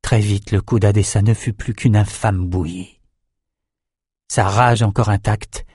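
Low-voiced male audiobook narrator. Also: a little mellow, slightly rough, no room sound, clean studio sound. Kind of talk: scripted fantasy narration.

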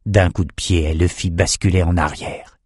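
A man narrating an audiobook in a steady, measured reading on a close mic. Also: low voice, breathy edge, no echo. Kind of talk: scripted narration.

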